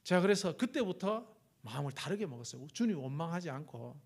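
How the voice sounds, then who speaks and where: A middle-aged man preaching a sermon in a church as a missionary, telling a lively story and acting out the words spoken in it. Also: fairly high pitch, a little fast, creaky, husky. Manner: lively storytelling, acts out his own and God's words. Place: church sanctuary.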